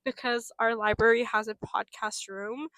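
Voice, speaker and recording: Young woman guest, higher voice. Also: steady tone, moderate pace, sharp tone. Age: young adult. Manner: reflective, lots of "like" and quoted inner thoughts. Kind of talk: casual chat. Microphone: podcast mic.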